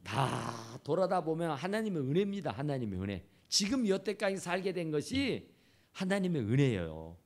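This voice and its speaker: Gravelly, animated male pastor preaching. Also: fairly high pitch, moderate pace. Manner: impassioned preaching with repeated phrases. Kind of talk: sermon. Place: church sanctuary. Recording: church camera recording.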